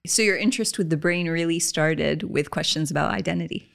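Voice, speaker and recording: A woman hosting an interview podcast, giving measured introductions and laughing easily with her guest. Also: deep voice, gravelly, fairly bright tone. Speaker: podcast host.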